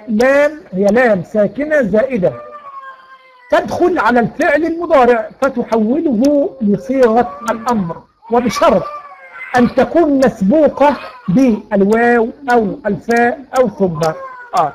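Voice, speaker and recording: A man with an Egyptian Arabic accent teaching Quran recitation rules in an online lecture, explaining patiently, posing and answering his own questions, reciting verses slowly. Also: very high voice, darkish tone, slight background noise, poor audio.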